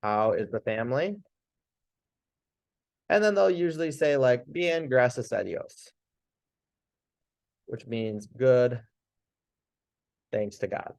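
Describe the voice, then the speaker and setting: A man who works as a chiropractor, teaching Spanish phrases to use with patients in a casual, chatty way. He laughs often and acts out the phrases in a lively voice. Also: mid-range voice, takes it slowly, long pauses. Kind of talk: casual instructional talk.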